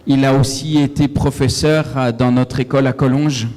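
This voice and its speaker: A man, the church pastor, giving a warm and gracious introduction of a guest speaker. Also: mid-range voice, level tone, moderate pace, big-room sound.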